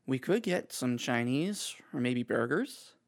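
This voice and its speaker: A man's voice: lively intonation, measured pace, creaky. A drained young woman who talks in a dry, drowsy way, as a man reads her in nearly his own voice. She sounds too tired to put much into her words. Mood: weary. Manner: tired, low-key and dry.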